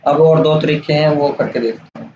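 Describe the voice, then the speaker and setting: A man giving a casual, step-by-step software tutorial over a screen recording, checking in often with the listener. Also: on the high side, fairly even intonation, moderate pace. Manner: casual, explains step by step with "theek hai" checks. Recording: roomy, dull lo-fi sound with faint hiss.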